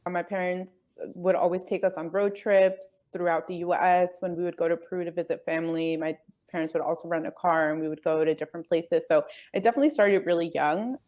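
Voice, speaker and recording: A woman from the United States who grew up speaking Spanish first joins a call as a guest for a casual interview chat. Her voice is on the low side, steady and a little fast, and she comes across as earnest and easygoing, with soft laughs and hedges like "I guess".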